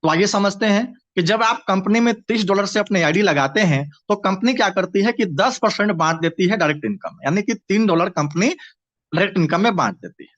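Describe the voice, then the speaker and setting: Brief: high-pitched male presenter walking through a business plan, lo-fi recording. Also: a little fast. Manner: steady explaining, repeats and restarts words, addresses "friends". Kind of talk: explanatory presentation. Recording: dull lo-fi recording.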